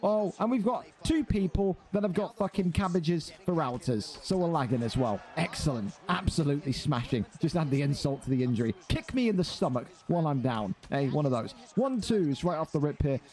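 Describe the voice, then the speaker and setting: A man hosts a live stream, venting his frustration in a sweary, exasperated rant before calling the fights. His voice sits a little high for a man, yet it has a mellow, warm tone. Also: animated, a little fast, few pauses. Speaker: stream host and fight commentator. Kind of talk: casual live-stream commentary.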